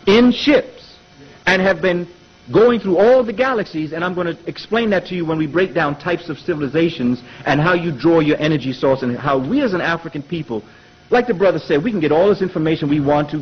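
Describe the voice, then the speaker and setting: A man's voice: on the high side, breathy edge. A man giving a lecture presentation, emphatic and rhetorical, speaking straight to his audience. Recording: dull lo-fi recording.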